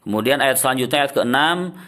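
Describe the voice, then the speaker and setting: A man teaching Quran recitation, explaining common mistakes and then chanting verses in a slow, drawn-out way. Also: medium pitch, animated. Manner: ends points with soft drops "ya", "nah".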